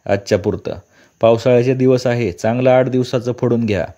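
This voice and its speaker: A man's voice: mid-range voice, brisk, warm tone, lo-fi sound, lightly acted. A man voicing a bossy village schoolmaster's wife in a read-aloud story; she raises her voice and gives orders.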